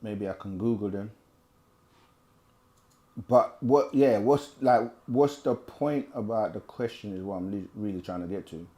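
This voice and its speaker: A man with a lowish, mellow voice speaks at a measured pace while hosting a live question-and-answer stream. He casually reads the chat aloud, answers viewer questions at length, and keeps things conversational, often repeating himself.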